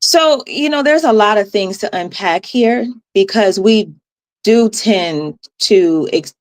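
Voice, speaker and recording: A woman health coach as a podcast guest, explaining in a calm, measured way with pauses. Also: mid-range voice. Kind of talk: podcast interview.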